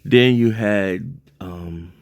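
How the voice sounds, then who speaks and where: A man with a deep, low-pitched voice talks through a TV episode recap in a relaxed, unscripted way. He rambles and corrects himself, leaning on fillers and "like". The sound is dry and close, with no room around it. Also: extremely slow, vocal fry, no echo. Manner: loose and rambling, heavy on fillers and self-corrections. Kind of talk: casual spoken recap.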